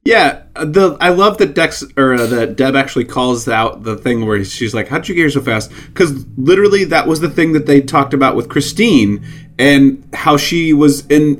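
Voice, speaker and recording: A man's voice: medium pitch, animated, moderate pace. A man co-hosting a casual chat, rambling and correcting himself with lots of fillers. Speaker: podcast co-host.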